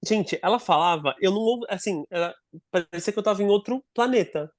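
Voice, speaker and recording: A man telling a personal story in a casual podcast conversation. He is animated, and he often restarts and repeats words as he goes. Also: high voice, brisk, no echo, studio quality. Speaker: podcast guest, adoptive father.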